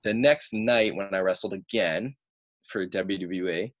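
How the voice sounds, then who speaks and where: Low-voiced young man telling stories. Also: unhurried. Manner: animated, acts out quoted people in raised voices. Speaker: pro wrestler guest. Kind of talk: casual storytelling.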